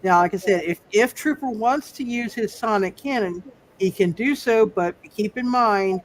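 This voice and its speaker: The audio is poor, and a game master with a mid-range voice is running a tabletop roleplay session in a casual way. Their thinking spills out aloud in halting, repeated phrases.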